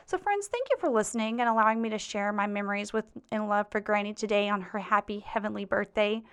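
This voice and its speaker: A woman's voice: mid-range voice, quick pace, clean tone. A woman hosting a podcast as a life coach, sharing heartfelt, faith-filled memories in a casual monologue.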